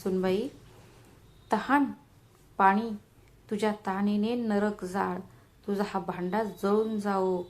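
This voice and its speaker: A woman's voice: mid-range voice, steady tone, slow, long pauses, close to an everyday voice. A woman voicing a hurt, trembling old father-in-law speaking bitterly.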